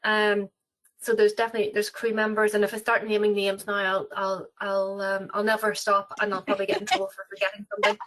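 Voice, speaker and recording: A travel company representative, a woman with an Irish accent, rattles on quickly about cruises in a webinar interview, her mid-range voice monotone yet fairly bright. She rambles with plenty of fillers and restarts over poor audio.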